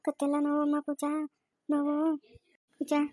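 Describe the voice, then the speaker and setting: For a cartoon story, a woman voices a bitter old village mother who is exhausted and sore-throated, complaining and pitying herself in a weary way. Her voice sits high and stays monotone at a moderate pace, with a warm tone close to an everyday voice and no room sound.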